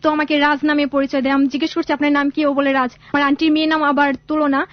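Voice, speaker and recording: A woman's voice: high-pitched, flat delivery, racing, dry recording. A young woman calling a radio show to tell her life story, rambling and often restarting her sentences. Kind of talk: emotional personal storytelling on radio. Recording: dull lo-fi radio audio.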